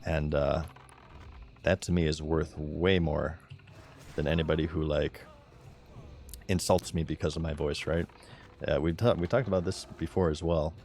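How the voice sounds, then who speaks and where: Monotone, deep-voiced man, low-key streamer. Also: moderate pace, pauses often, slight background noise. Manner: low-energy, unforced delivery. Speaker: game live streamer. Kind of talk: casual chat while gaming.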